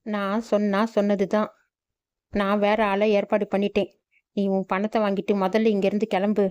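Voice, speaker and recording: A woman's voice: mid-range voice, level tone, normal speed, a little mellow, clean tone, lightly acted. A woman voicing a curt, stern employer lady. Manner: curt and dismissive.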